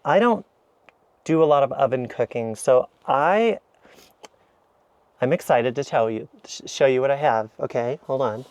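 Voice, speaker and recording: A man's voice: mid-range voice, lively intonation, unhurried, long pauses, a little mellow, no echo. A man in a camper van giving a chatty, rambling, self-deprecating tour of his kitchen, filmed on an action camera. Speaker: vlogger. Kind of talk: casual kitchen walkthrough vlog.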